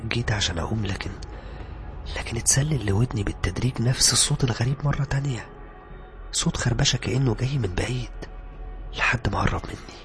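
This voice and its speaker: Egyptian man, horror storyteller, rapid, tense, steady music behind. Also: medium pitch. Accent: Egyptian Arabic.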